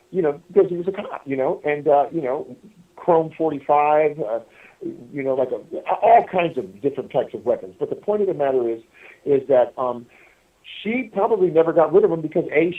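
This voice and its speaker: A podcast guest phoning in from prison talks to listeners in a relaxed, wandering way, stumbling and repeating phrases. His voice sits a little high and sounds far from the handset, squeezed through a tinny, band-limited line.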